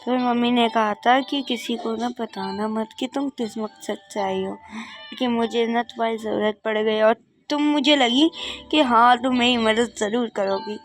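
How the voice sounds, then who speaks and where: A woman's voice: on the high side, a little slow, faint music behind, natural voice. A woman voicing a young maid who pretends to be a neighbor and coaxes a little princess in a doll game. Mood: confiding. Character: young woman maid posing as neighbor, scheming but kind.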